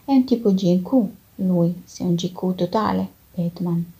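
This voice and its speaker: A woman's voice: fairly low pitch, measured pace, creaky, warm tone, breathy edge, heavily acted. A woman voicing a tipsy boastful yuppie. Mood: teasing.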